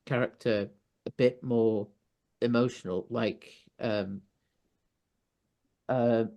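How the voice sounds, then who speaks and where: A man with a North Welsh accent, a podcast guest chatting casually, hesitant with many pauses and restarts. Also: mid-range voice, fairly even intonation, warm tone, highs cut off. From North Wales. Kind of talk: casual chat.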